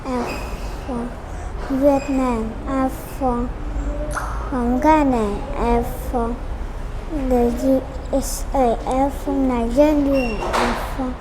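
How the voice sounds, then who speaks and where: High-voiced woman, slow beginner english, halting, noisy background. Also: fairly even intonation. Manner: halting, repeats simple sentence patterns. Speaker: English student. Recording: background noise.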